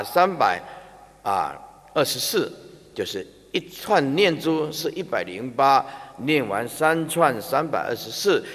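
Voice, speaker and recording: A man, a Buddhist monk giving a slow, emphatic, demonstrative sermon to a large audience. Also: mid-range voice, a bit bright. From Taiwan. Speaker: Buddhist monk teaching a dharma talk. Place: large exhibition hall before a big audience. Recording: reverberant large hall.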